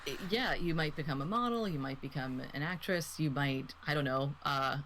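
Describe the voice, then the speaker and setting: Low-voiced woman rambling in casual chat. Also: normal speed, fairly bright tone, slight background noise. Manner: rambling, laughs often, drifts into tangents. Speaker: guest reviewer.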